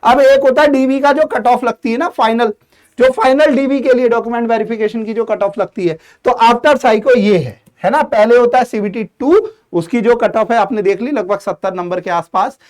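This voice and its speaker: A man's voice: very high-pitched, a little mellow. A man giving an informal exam-prep lesson as a coaching teacher, speaking straight to his students with frequent fillers and restarts. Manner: addresses students as "saathiyon", talks fast with restarts and fillers.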